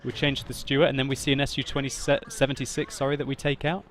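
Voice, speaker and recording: A man narrating his own tank battle gameplay as a voice-over commentary, laughing often and getting loud and excited at big moments. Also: medium pitch, fast, slight background noise. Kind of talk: video game commentary voice-over.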